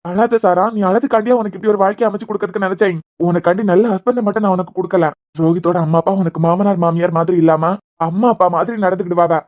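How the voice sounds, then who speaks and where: A woman's voice: lowish voice, fairly even intonation, fast, a little mellow, natural voice. A woman voicing a caring adult elder brother in a cartoon series, speaking in a soothing, tender way with a Kanyakumari Tamil accent. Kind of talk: cartoon web series voice acting.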